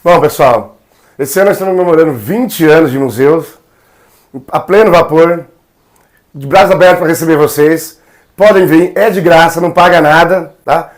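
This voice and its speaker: A man's voice: fairly high pitch, normal speed. A man from Brazil, a museum coordinator, welcoming visitors in a friendly, inviting way. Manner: friendly, inviting, laughing easily.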